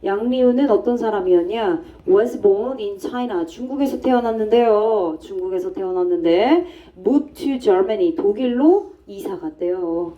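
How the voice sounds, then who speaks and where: A woman's voice: medium pitch, expressive, unhurried, hardly any pauses, recorded from a distance, muffled recording. A woman teaching an English grammar lesson to a class, explaining step by step and asking and answering her own questions. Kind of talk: classroom lecture.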